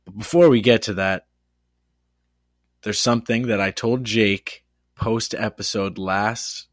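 A man's voice: fairly low pitch, steady tone, measured pace, dry recording, clean studio sound. Blunt, teasing podcast co-host man. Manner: teasing, blunt, swears casually. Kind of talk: casual sports podcast chat.

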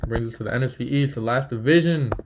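A man's voice: mid-range voice, fast talker, background noise. A man hosting a casual solo sports podcast, bluntly trash-talking teams and thinking aloud as he tallies win-loss records. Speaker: podcast host.

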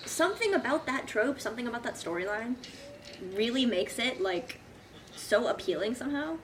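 A chatty young woman co-hosts a casual podcast, her somewhat high voice swinging up and down as she laughs and trails off. A faint hiss sits behind her. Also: lively intonation, normal speed. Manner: chatty, laughs often, trails off mid-sentence. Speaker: podcast co-host. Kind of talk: casual chat.

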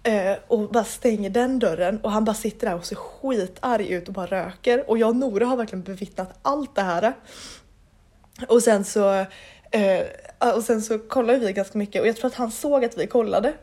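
Husky-voiced woman telling a rambling story. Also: mid-range voice, dark tone. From Sweden. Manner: rambling storyteller, many fillers and restarts. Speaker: podcast co-host. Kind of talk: casual chat. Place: living in Paris.

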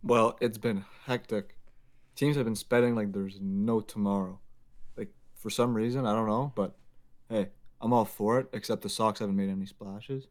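A man's voice: fairly low pitch, fairly even intonation, moderate pace. A young man from Quebec co-hosting a sports podcast, opinionated and emphatic, with joking rants. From Quebec, Canada. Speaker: podcast co-host. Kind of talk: casual sports podcast chat.

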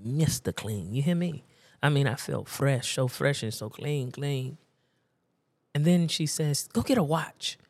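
A man's voice: medium pitch, a little mellow, dry recording. A man preaching a sermon, telling a personal story in a conversational, emphatic and repetitive way.

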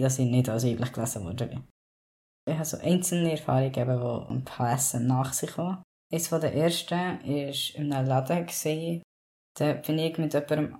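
A non-binary young adult speaks with a gravelly, creaky edge over a dark, mellow tone. The talk is a casual, candid personal vlog that rambles along with plenty of fillers. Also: medium pitch. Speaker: vlogger.

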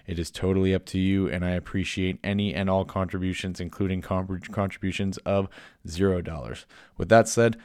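A man's voice: low voice, a little mellow, clean tone, no room sound, clean studio sound. A man in his twenties with a Canadian accent hosting a casual solo sports podcast in a chatty, informal, playfully self-deprecating way. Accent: Canadian English. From Ontario, Canada. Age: 20s. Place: basement den at home.

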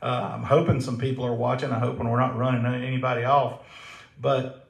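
A man's voice: mid-range voice, little pitch movement, a little fast, vocal fry, reverberant, low-quality recording. A man from South Carolina with a Southern drawl, co-hosting a casual faith talk show, folksy and joking, laughing often. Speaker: co-host.

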